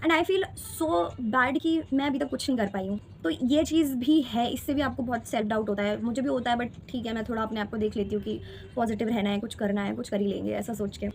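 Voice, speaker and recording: Young woman in her twenties, high voice, earnest personal vlog, faint noise behind. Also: steady tone, brisk. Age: 20s. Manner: earnest, reflective, mixes Hindi with English phrases. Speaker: vlogger sharing exam experience. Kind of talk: candid personal vlog talk.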